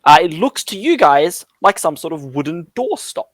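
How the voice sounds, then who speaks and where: A man runs a tabletop game, rambling through his narration with plenty of "like" and "um." His pitch rises and falls a lot, and the mic sounds dry and close. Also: very animated, normal speed, no echo. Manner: rambling, lots of "like" and "um". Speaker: dungeon master.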